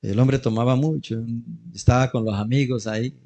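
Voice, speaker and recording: A man's voice: medium pitch, steady tone, normal speed, warm tone, muffled recording. A middle-aged man with a Colombian Spanish accent, preaching a sermon in church, telling anecdotes and joking with the congregation. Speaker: pastor.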